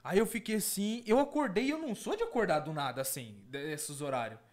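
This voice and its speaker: An evangelical host shares a testimony alongside reaction commentary, speaking earnestly, repeating his words often, and addressing listeners as brothers. His voice is high-pitched and he talks fairly quickly.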